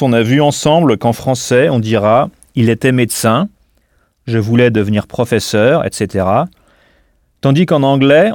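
A man teaching a scripted audio language lesson, explaining clearly and patiently and pausing for answers. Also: mid-range voice, darkish tone, no echo, clean studio sound.

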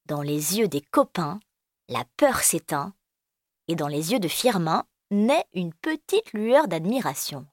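Woman reading a kids' story, slow and gentle, dry close sound. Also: on the low side, sing-song, dry recording.

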